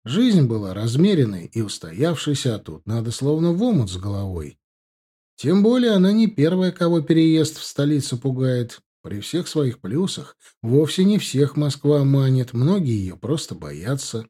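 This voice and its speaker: A man's voice: mid-range voice, very animated, moderate pace, warm tone, slightly rough. A man narrating an audiobook in the first person, reflective and conversational.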